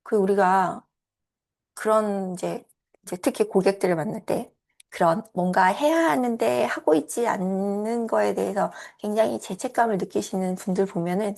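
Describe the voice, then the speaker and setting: A woman's voice: moderate pace, creaky, a little mellow. A woman life coach talking casually about why people fail to keep plans, now and then acting out scolding voices. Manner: acts out scolding and inner voices in a raised pitch. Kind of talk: casual explanatory talk.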